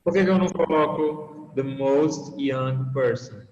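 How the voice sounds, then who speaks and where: Patient teacher in an echoey room. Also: male voice, mid-range voice, a little slow, darkish tone. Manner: patient, explaining with frequent check-ins like "né?" and "tá?". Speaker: English teacher. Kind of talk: online class explanation. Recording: roomy, reverberant, dull lo-fi call audio.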